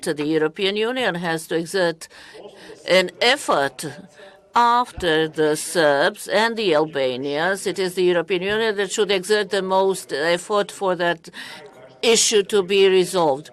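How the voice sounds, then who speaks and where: A woman with a lowish voice interprets a parliamentary speech live. Her phrasing is halting and deliberate, broken into short pieces.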